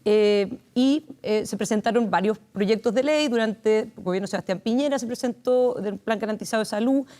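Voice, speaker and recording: A woman with a Chilean accent, a constitutional lawyer, speaking on a studio panel in a measured way with frequent restarts. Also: fairly high pitch, warm tone.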